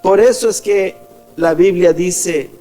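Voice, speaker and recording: Pastor preaching a sermon, really high voice, takes it slow, faint music underneath. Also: male voice, warm tone. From Ecuador. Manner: preaching, calls the congregation "amados", acts out quoted voices.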